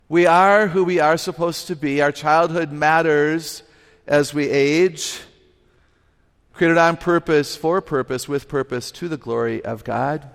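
This is a live talk by a guest author, a woman with a strikingly low voice, using a stage microphone. She's energetic, humorous and emphatic, laughing at herself, while the hall adds a long reverberant tail.

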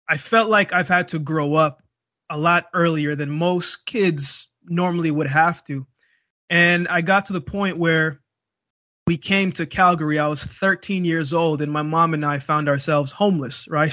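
A man's voice: on the high side, fairly even intonation, moderate pace, a bit bright, no echo, lo-fi sound. A young man from Jamaica, a guest speaker, telling his life story and acting out the dialogue. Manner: vivid storyteller, acts out dialogue. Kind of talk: storytelling interview.

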